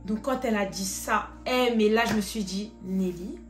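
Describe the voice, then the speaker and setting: A woman's voice: mid-range voice, moderate pace. A woman in her twenties telling her personal faith testimony as a vivid story, acting out each exchange of dialogue. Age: 20s. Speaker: testimony vlogger. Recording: roomy sound with faint music.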